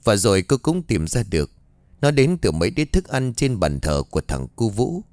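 Expressive male audiobook narrator. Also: lowish voice, normal speed, no echo, clean studio sound. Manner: expressive, dramatic storytelling. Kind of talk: story narration.

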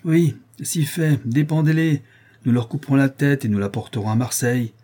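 Un homme lisant un livre audio campe un jeune garde national au ton goguenard et traînant. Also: male voice, mid-range voice, moderate pace, dark tone, pitched above the performer's own voice, natural voice. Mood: mocking. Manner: sneering, drawn out. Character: mocking young male national guardsman.

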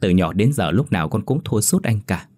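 A man's voice: on the low side, animated, a little fast, darkish tone. A man voicing a young son who sobs and speaks resentfully about losing his love. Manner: sobbing, resentful speech. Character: grieving young son, bitter and tearful.

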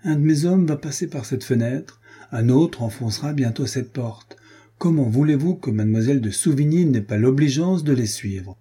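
A man's voice: mid-range voice, lively intonation, moderate pace, dark tone, husky, voice pushed up. A man voicing a boastful, swaggering mercenary captain who makes mocking threats, in an audiobook. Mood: scornful.

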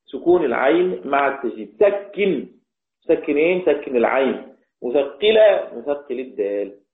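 A man's voice: mid-range voice, expressive, a little fast. Man, recitation teacher, patient quizzing explainer, phone-like sound in a roomy space. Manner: explains step by step, quizzing students. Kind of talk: online class explanation. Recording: tinny phone-like line, echoey room.

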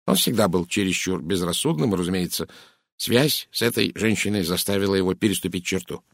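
Man voicing curt English spinster, audiobook; gravelly low tone, dry read, blunt and cutting. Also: brisk, no room sound. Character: stern brusque middle-aged English spinster. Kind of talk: audiobook character reading.

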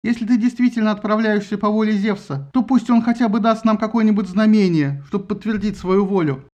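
A man's voice: sits high, a little fast, a little mellow, pitched above the performer's own voice, natural voice. A man doing a wailing old queen. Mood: pleading. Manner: wailing, pleading.

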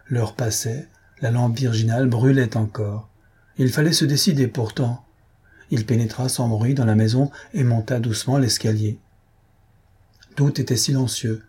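A man narrating a literary short story in measured, storytelling tones. His voice is dark and mellow, with a deeply husky, breathy grain, at a medium pitch. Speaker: audiobook reader.

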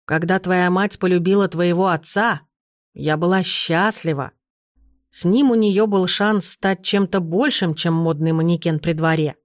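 A woman voicing an imperious, sharp-tongued old duchess grandmother in an audiobook, in a commanding, dry manner. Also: fairly low pitch, no echo, close to an everyday voice. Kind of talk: audiobook character reading.

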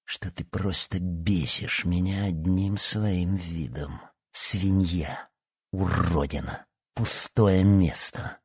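A man reading an audiobook and voicing a cruel, scornful teenage girl who speaks slowly and coldly. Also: low voice, a little mellow, no echo, clean studio sound. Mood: cold mocking. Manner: slow, cold and contemptuous.

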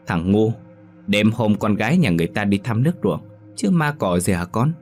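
A man voicing a cocky young man who talks roughly and teases his scared friend in a narrated ghost story. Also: on the low side, lively intonation, normal speed, soft background music, lightly acted. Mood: brash. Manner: brash, teasing, rough-talking.

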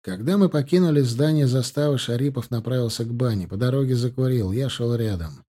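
Brief: male audiobook narrator, warm mellow tone, steady scripted reading. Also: medium pitch, brisk.

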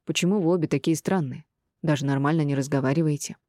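A woman's voice: deep voice, fast, dark tone, dry recording, clean studio sound, close to an everyday voice. A woman voicing an agitated, hot-tempered grown son. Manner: blunt, agitated. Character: hot-tempered adult son, frowning and shocked.

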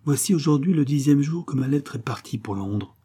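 A man's voice: mid-range voice, animated, a little fast, warm tone, breathy edge, pitched above the performer's own voice. A man reading an anxious, sorrowful noble mother in an audiobook, in a sighing, lamenting way.

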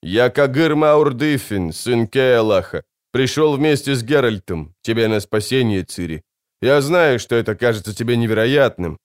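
A man voicing a calm, resolute young knight, speaking in a measured, slow and steady way for an audiobook. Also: mid-range voice, smooth, no echo, clean studio sound, close to an everyday voice. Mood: earnest. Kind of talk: audiobook character voice.

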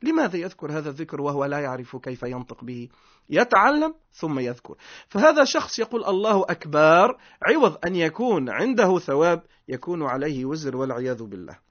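A man with a Tunisian accent giving an earnest religious radio lesson, speaking emphatically and slowing down for prayers. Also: a little high, sing-song. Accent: Tunisian Arabic. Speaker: religious teacher on a radio program. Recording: dull lo-fi recording.

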